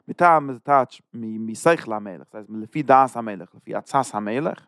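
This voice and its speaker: A man leading a scripture class in a dry, close-sounding recording. His pitch sits in the middle range for a man. He works through the text line by line, restating each phrase until it is clear. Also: fast talker, a bit bright, no echo. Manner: explains each verse, repeats and rephrases terms. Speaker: Bible teacher. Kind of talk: verse-by-verse scripture lesson.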